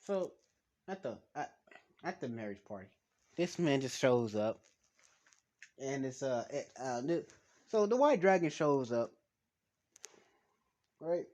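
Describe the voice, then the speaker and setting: Guy rambling thru a fan story, lots of um and restarts, super lively voice. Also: medium pitch, slow, long pauses. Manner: rambling, many restarts and fillers. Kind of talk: casual storytelling.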